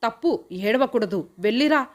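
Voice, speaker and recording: A woman's voice: fairly high pitch, expressive, moderate pace. A woman reading the part of a poor, devoted young mother in an audio story, speaking in a heartfelt, pleading way.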